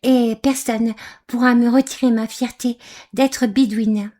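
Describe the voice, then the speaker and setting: A woman's voice: a little high, steady tone, measured pace, dark tone. A woman from Algeria giving angry, scornful reaction commentary on a video, with frequent hesitations. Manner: scornful, insulting, hesitant with many fillers.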